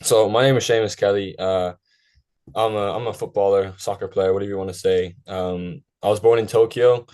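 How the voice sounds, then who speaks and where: A young man who grew up in Ireland speaks as a podcast guest in a very low, deep voice. His delivery is flat and even, casual and rambling, with frequent ums and quick self-corrections. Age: young adult.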